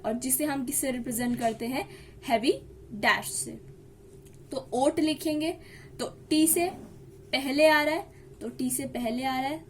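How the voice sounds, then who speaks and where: A woman's voice: high voice, darkish tone, a little hiss or hum. A woman teaching a shorthand lesson step by step, asking the class questions and answering them herself, with English terms mixed into her Hindi.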